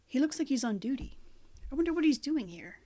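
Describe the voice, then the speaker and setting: An easygoing young man with a teasing manner, read by a woman narrator. The voice stays near her own natural, slightly high register. He speaks plainly in a storybook telling. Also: big pitch swings, a little fast, mellow. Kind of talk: audiobook character reading.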